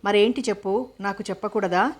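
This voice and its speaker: A caring young woman who keeps gently asking her friend what is wrong, as a woman reads her part. Her voice sits at a middle pitch with little rise and fall. A storybook reading. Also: fairly even intonation, fairly quick, lightly acted. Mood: concerned. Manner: gentle, questioning.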